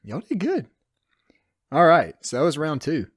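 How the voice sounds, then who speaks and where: A man leads a round-table podcast game of dad jokes, laughing easily between turns. His pitch swings in a lively way, he speaks at an unhurried pace, and the sound is dry and close. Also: breathy edge, dry recording. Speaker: podcast co-host. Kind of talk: casual chat, telling dad jokes.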